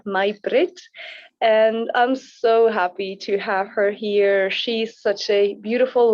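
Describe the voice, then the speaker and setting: A woman's voice: medium pitch, dull audio. A woman hosting a podcast in casual chat, gushing and filling her talk with "like" and "yeah". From Switzerland. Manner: warm, gushing, many "like" and "yeah" fillers. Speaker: podcast host. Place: in a yurt.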